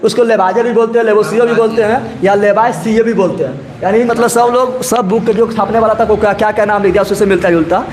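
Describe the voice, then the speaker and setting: High-voiced quiz teacher. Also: male voice, steady tone, darkish tone. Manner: drawn-out slow question reading, frequent "ठीक है ना?". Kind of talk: live group discussion quiz class.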